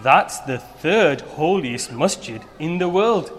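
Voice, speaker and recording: A man's voice: on the high side, animated, slow pace, soft background music. A man telling religious stories to children like a kids show host, asking them simple questions as he goes. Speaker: storyteller for children.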